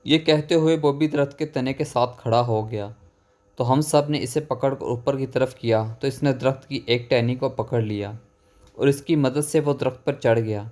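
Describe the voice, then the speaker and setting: A man's voice: medium pitch, darkish tone. Man narrating a horror story.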